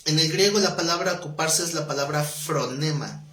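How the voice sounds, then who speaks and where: A man teaching a Bible study class, keeping it conversational and quizzing his students with quick questions. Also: fairly high pitch, bright, forceful tone. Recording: roomy echoing classroom.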